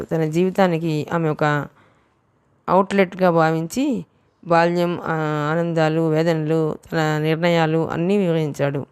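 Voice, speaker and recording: A woman narrating a romance novel for an audiobook in a measured, lyrical way. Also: lowish voice, a little mellow, smooth.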